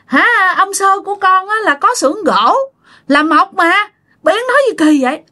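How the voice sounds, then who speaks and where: A woman's voice: a little high, animated, normal speed, a bit bright. A woman voicing an earnest young village boy who pleads and protests. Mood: alarmed. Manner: pleading and alarmed.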